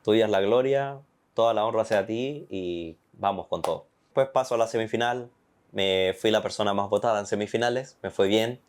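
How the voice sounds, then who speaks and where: A young man with a Chilean accent giving an earnest, animated personal faith testimony. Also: fairly low pitch, normal speed. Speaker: testimony guest.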